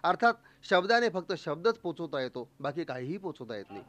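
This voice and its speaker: A man's voice: on the high side, fairly quick. A man telling a humorous first-person story to an audience, slipping into the voices of the people in it. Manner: comic, lively, acts out quoted voices.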